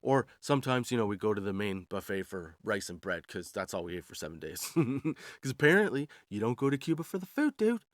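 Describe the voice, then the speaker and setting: This forties-aged podcast host has a lowish, sing-song voice and talks a little fast through a comedic storytelling monologue. He's slangy and casual, amused by his own jokes, and caps remarks with "dude" and "right"; the studio-quality recording has no room sound.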